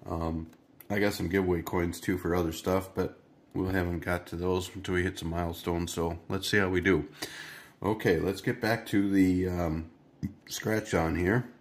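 With a low, flat delivery at a moderate pace, a stuffy-nosed man scratches lottery tickets at his kitchen table for his channel. He chats and rambles to viewers casually as he goes.

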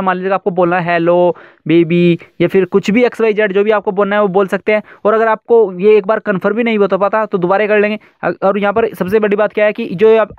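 A young man hosts a casual phone-app tutorial in a high, clear voice. He talks quickly and chattily, stringing steps together with fillers. The recording is dry and a little muffled. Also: no echo. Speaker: YouTube tech tutorial host.

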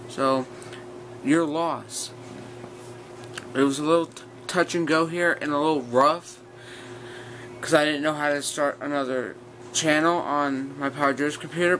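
Sitting on his bed in a small bedroom, a young man in his teens or early twenties vlogs a casual rant, blunt and rambling, his fairly high voice slightly slurred by a retainer. The rough recording comes from a built-in device mic held at arm's length, with steady fan noise and room ambience clearly audible.

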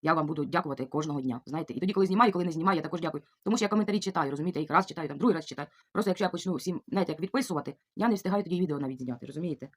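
A woman's voice: low voice, very fast, hardly any pauses. A middle-aged woman from Ukraine chatting casually in a vlog, reading out viewer comments and thanking each one again and again. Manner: warm, chatty, repeats thanks over and over. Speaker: vlogger answering viewer comments. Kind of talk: casual chat.

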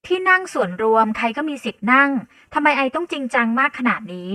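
A stern teenage schoolgirl scolds her friend in a firm, pointed tone, as a woman reads her out. The voice sits a touch high and bright. It is recorded dry and close. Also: normal speed, dry recording. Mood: scolding.

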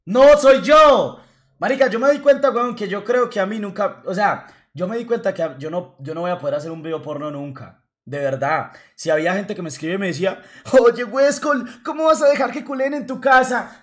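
A man's voice: sits high, a bit bright. A young man, chatting brashly on a stream with profane slang. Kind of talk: casual stream chat.

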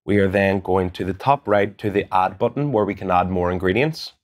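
Calm low-voiced Northern Irish coach. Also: male voice, fairly quick. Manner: calm, methodical, instructive. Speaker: gym coach. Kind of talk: step-by-step app tutorial. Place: gym studio in front of a branded backdrop. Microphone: lapel mic.

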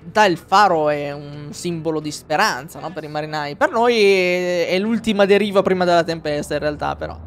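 A man's voice: on the high side, a little fast, few pauses, soft background music. A man streaming a video game, casually commenting, rambling and swearing with jokes as he plays. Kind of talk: casual let's-play commentary.

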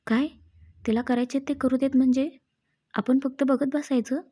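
A woman voicing a fretful, loving young wife in a storybook. Her lines come out worried and pleading in a fairly high, mellow voice. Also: steady tone, moderate pace, husky. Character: anxious, affectionate young wife.

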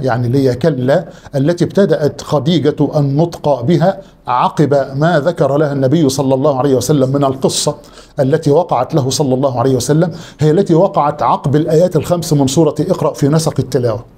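A man with an Egyptian Arabic accent teaching a religious lesson as a sheikh, prompting his students with questions and slowing down to spell out word forms. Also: mid-range voice, mellow, husky.

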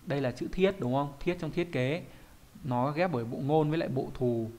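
A man's voice: on the high side, moderate pace, dark tone. A man, a Japanese teacher explaining kanji in an online lesson, often asking questions and answering them himself.

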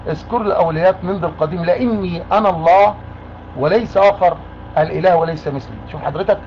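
A high-voiced Egyptian man talks fast and pushes hard, repeating his demands over and over. The call sounds muffled and lo-fi, with a faint hiss behind it. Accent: Egyptian Arabic. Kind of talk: argumentative phone call.

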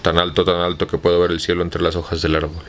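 A man reading as a timid servant, deep flat voice. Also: quick pace, slight background noise, close to an everyday voice. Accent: Mexican Spanish. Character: simple fearful male servant climbing a tree.

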